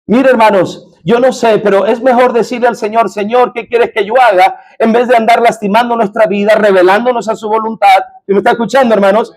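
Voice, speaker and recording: A man's voice: high voice, steady tone, fast talker, few pauses. A man preaching a sermon as pastor in a church, often asking the congregation questions.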